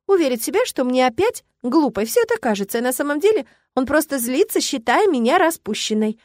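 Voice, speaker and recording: A woman narrating a novel in the first person, lively and emotional, as if voicing her own inner thoughts. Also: a little high, no room sound, clean studio sound. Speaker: audiobook narrator.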